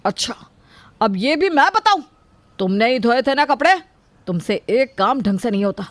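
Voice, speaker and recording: A woman's voice: fairly high pitch, brisk, dry recording, close to an everyday voice. Woman putting on a hot-tempered cartoon husband. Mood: angry. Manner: shouting, irritated. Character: young husband, short-tempered and impatient. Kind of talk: cartoon voice acting.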